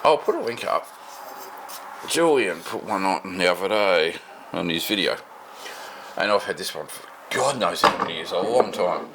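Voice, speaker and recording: A middle-aged vlogger with an Australian accent, worn out, chats aimlessly to camera at home one night, unscripted, easygoing and poking fun at himself. He sounds low-pitched, bright and forceful, expressive at a normal speed with long pauses, on a low-quality recording with slight background noise.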